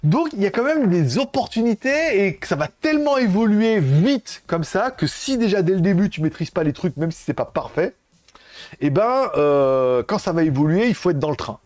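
A man's voice: high voice, very animated, normal speed, darkish tone, dry recording. A man hosting a tech livestream, talking casually and rambling with lots of fillers and restarts. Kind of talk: casual live chat with viewers.

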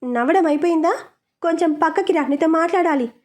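A woman's voice: very high voice, fairly quick, darkish tone. A woman reading a story aloud voices a flustered young man in love who protests indignantly. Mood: complaining.

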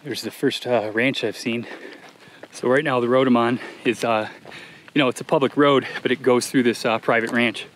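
A solo thru-hiker walking a long trail through open desert narrates a casual vlog to his camera, easygoing, rambling and reflective, with lots of "uh" and "like." His voice is medium-pitched and a bit bright, at normal speed with fairly even intonation, over a little hiss or hum.

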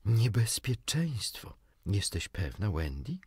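Man voicing a gentle, anxious storybook mother. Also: on the low side, big pitch swings, slow pace, breathy edge, no room sound, voice pushed up, exaggerated voice. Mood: worried. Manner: pleading, soft.

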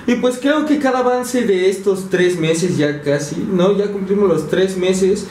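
A young man with a Mexican Spanish accent shows his viewers around his small apartment in a casual house-tour vlog, full of slang and energy and calling them "banda." His voice is high and unhurried, caught by a handheld camera mic a bit off-mic and far away in an echoey room with slight background noise.

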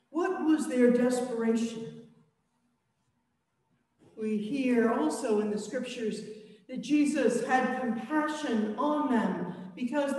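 A woman priest delivers a sermon, slow and reflective, in a storytelling way. Her voice is high and rings with the long reverb of the church. She is heard from a distance off the mic. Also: a little mellow. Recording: echoey church, mic far off.

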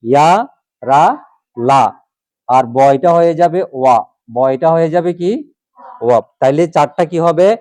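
A man's voice: a little high, moderate pace, warm tone, dry recording. A man teaching a class, drilling letters one by one and asking questions, then answering them himself. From Bangladesh. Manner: asks questions and repeats answers. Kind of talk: classroom lesson on alphabet pronunciation.

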